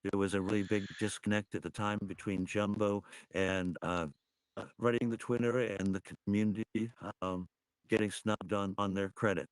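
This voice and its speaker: A man talking on a livestream through a voice changer, halting and full of fillers and restarts. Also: fairly low pitch, fairly even intonation, smooth, rough recording. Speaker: livestream host. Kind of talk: casual livestream commentary. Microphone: computer mic on a livestream.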